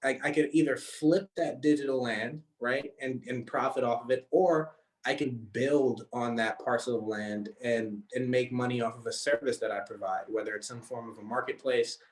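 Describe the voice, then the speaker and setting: A man's voice: medium pitch, fairly even intonation, normal speed, few pauses, low-quality recording. Guy on a video call, podcast guest, mid-range voice, eager, keeps repeating words as he gets going. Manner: eager, stumbles and repeats words as he builds a point. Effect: heard over a video call connection. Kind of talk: casual conversational interview.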